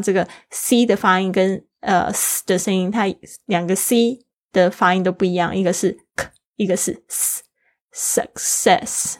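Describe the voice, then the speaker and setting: A woman teaching English in a casual lesson, explaining patiently and spelling out words letter by letter. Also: medium pitch.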